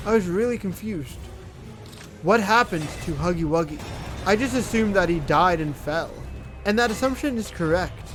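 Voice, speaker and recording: Blunt, sarcastic gaming recap narrator. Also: medium pitch. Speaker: gaming video creator. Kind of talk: casual scripted game recap narration.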